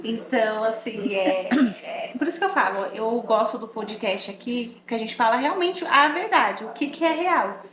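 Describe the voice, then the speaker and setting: A woman hosting a podcast in casual conversation, telling lively stories and acting out what she once said. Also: fairly high pitch, normal speed, a crowd in the background. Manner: animated storytelling, often acting out her own past words. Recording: echoey room.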